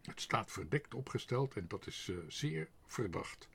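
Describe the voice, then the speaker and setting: A man voicing a stern, officious police dog in a storybook, breathy and fumbling for formal words. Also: medium pitch, big pitch swings, a little slow, a bit bright, slight background noise, exaggerated voice. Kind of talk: storybook reading.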